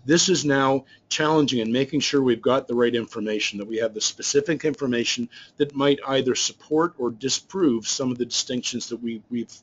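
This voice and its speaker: A man working as a business trainer explains slides in a recorded webinar, rambling loosely with many restarts and fillers. His husky, mid-range voice is fairly quick with few pauses, and the audio is dull.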